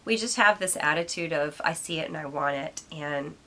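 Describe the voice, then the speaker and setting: A woman's voice: deep voice, normal speed, very noisy. A woman hosting a solo podcast at home, musing and reflective as she thinks aloud with plenty of ums. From United States. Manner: talks aside to her cat now and then. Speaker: podcast host. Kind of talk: casual solo podcast monologue.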